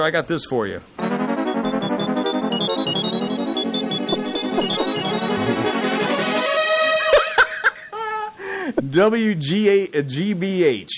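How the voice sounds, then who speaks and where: A man hosting a radio show in casual studio banter, chatty and self-deprecating. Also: medium pitch. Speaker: radio host.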